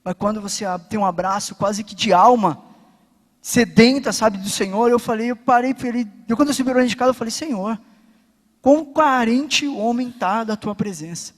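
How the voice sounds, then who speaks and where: A man's voice: very high-pitched, normal speed. A man telling a personal testimony before a church congregation, earnest and intimate, growing fervent as he goes. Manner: earnest storytelling, quietly intimate at first, then building with fervor. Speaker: church member giving a testimony. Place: church sanctuary. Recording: echoey church hall.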